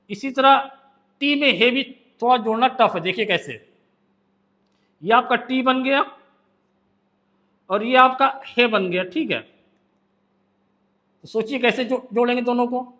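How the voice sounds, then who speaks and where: A man's voice: extremely high pitch, pushed and bright. A man teaching a shorthand lesson, patiently drilling stroke names by repeating them. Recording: long reverb in a hall.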